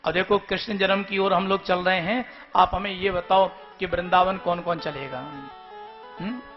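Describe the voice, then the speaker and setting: A man's voice: high-pitched, fairly even intonation, a little slow. A man telling a scripture story at a live devotional gathering and calling out to his audience, in a dull lo-fi recording with faint music.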